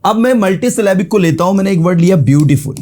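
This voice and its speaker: A man's voice: high voice, expressive, fast talker, darkish tone. Man teaching grammar. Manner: explains in Hindi mixed with English, repeats words syllable by syllable. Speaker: English teacher. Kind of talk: classroom grammar lesson at a board.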